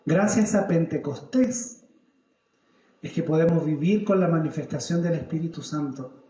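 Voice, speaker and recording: A man's voice: on the high side, normal speed. A man, a pastor giving a sermon, telling stories from his own life and asking the congregation questions. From Chile. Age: 30s. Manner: animated storytelling, acts out his own prayers and questions the congregation. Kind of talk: church sermon. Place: church service. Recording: echoey church hall.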